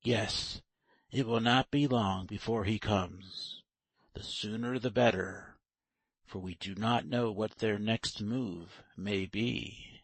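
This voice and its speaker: A narrator voicing a stern, protective old farmer father in a storybook, a man with a gravelly, husky, grim voice. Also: lowish voice, steady tone, takes it slowly, no room sound, pitched below the performer's own voice, heavily acted. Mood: anxious, resolute. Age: older.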